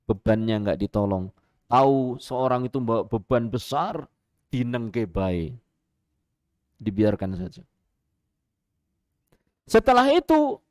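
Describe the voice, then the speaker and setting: In a clean studio recording with no room sound, a man with a fairly low voice and a Javanese accent preaches Islam over the radio. His sermon is animated storytelling, punctuated by rhetorical questions and little chuckles.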